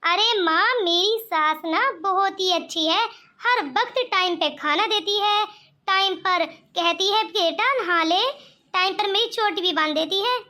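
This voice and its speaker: A woman's voice: extremely high pitch, measured pace, pushed and bright, heavily acted. Woman voicing a sweet young daughter-in-law. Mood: reassuring. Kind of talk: cartoon voice acting.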